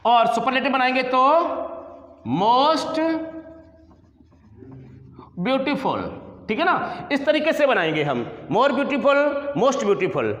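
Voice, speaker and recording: A man's voice: very high-pitched, sing-song, measured pace, a bit bright. A male teacher giving a grammar lesson, spelling words out letter by letter and often checking that students follow. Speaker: English teacher. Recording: echoey room with long reverb.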